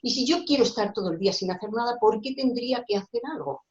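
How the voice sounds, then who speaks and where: A woman's voice: a little high, expressive, fast talker. Lady talking earnestly on a call, keeps restarting her words, echoey room, dull muffled sound. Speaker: guest speaker. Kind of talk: discussion talk on social rights. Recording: roomy, dull lo-fi call audio.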